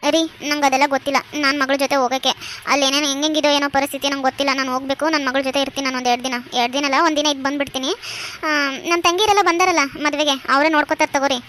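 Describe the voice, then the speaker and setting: A woman voicing a sorrowful middle-aged mother of the bride in a cartoon, speaking slowly and heavily. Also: high voice, steady tone, a bit bright, slight background noise. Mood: insistent. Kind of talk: cartoon voice acting.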